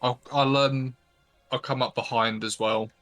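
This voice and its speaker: A man's voice: medium pitch, steady tone, unhurried, fairly bright tone, faint music behind. Matter-of-fact man at a tabletop game. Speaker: player. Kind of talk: casual tabletop play.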